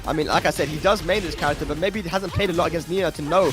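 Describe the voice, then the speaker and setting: A man commentating live on a fighting game tournament as an esports caster, with hype delivery and drawn-out exclamations. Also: fairly high pitch. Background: music.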